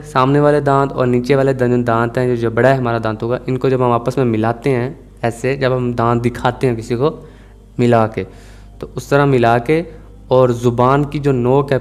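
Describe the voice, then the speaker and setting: A man teaching Quranic letter pronunciation in an Urdu accent, drilling each sound slowly over and over. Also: medium pitch, a little mellow. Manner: slow, repeats letters and words for drilling. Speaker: tajweed teacher. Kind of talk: recorded Quranic pronunciation lesson.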